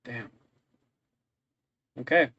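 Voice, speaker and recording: A man's voice: extremely slow, highs cut off. Man casually running a tabletop game. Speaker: game master of a tabletop RPG.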